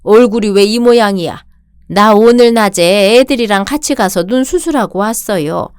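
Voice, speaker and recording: A woman's voice: medium pitch, normal speed, a little mellow, clear, resonant tone, no echo, studio quality, lightly acted. A woman doing a meek, hurt mother-in-law. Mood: pleading. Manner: pleading, self-pitying. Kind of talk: radio drama reading.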